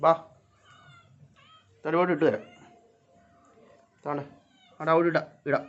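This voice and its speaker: A man filming a casual vlog, talking to his cats, coaxing them and now and then scolding them in loud, high calls. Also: fairly even intonation, measured pace, lo-fi sound. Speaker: vlogger. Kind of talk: casual vlog talk to camera and pets.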